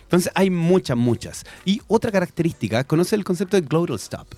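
In a radio studio, a man co-hosts a bilingual educational show about English accents, alternating between Spanish and English. His high voice is brisk, lively and explanatory, with faint music in the background.

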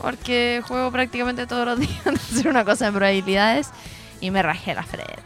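A woman with a Chilean accent, a radio co-host chatting casually, telling a story with animated energy and frequent laughter. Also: fairly high pitch, brisk, faint music behind. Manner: animated storyteller, laughing often, lots of slang.

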